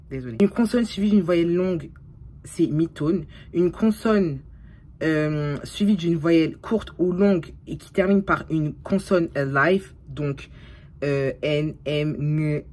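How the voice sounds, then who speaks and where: A tired young woman with a low voice chats casually to her camera, swearing freely and slipping English phrases into her talk. A faint hiss sits under the recording. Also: darkish tone. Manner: chatty, swears often, mixes English phrases into her French. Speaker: vlogger. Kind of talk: casual vlog chat.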